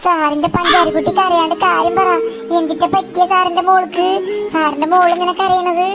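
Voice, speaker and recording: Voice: very high-pitched, little pitch movement, a little fast. A performer voicing a doting male schoolteacher in a comic cartoon dub, coaxing and fussing. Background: loud music.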